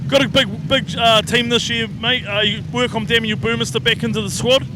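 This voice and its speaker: Male trackside interviewer, New Zealand accent, very high voice, blokey and casual over engine noise. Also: steady tone, brisk. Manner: blokey, matey. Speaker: pit reporter, interviewer. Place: outdoors in rain at a speedway. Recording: noisy outdoor speedway with engines.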